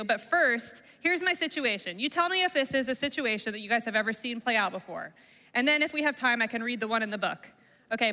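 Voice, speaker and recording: Bright-voiced woman teaching a class. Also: on the high side. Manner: engaging, asks the class questions. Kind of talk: classroom talk to middle schoolers. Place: school room or hall, long echo. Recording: reverberant hall sound.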